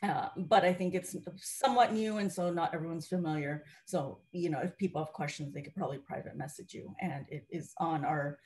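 A middle-aged woman moderating an online panel, introducing the next speaker with quick asides over a video call. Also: deep voice, darkish tone.

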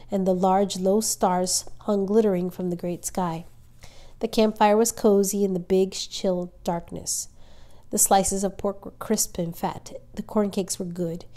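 A woman reading a children's novel aloud as a storyteller, with measured, expressive narration. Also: medium pitch.

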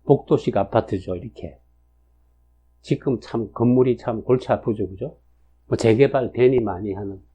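A man's voice: lowish voice, normal speed, warm tone, slightly rough. A man in his sixties giving a casual spoken lecture, chatty, with frequent fillers and tag questions. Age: 60s. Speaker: lecturer on national fortune cycles. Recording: dull lo-fi recording.

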